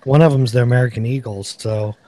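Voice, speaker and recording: Male podcast host, mellow dry voice, chatty, runs through product specs. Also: medium pitch, fairly even intonation, fairly quick, dry recording. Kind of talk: casual gun review chat.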